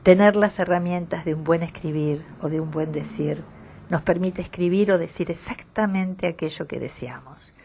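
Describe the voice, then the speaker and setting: A woman's voice: fairly low pitch, normal speed, dark tone, a little hiss or hum. A middle-aged woman, hosting a radio program and giving a scripted, didactic reflection on language that turns poetic at times. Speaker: radio host.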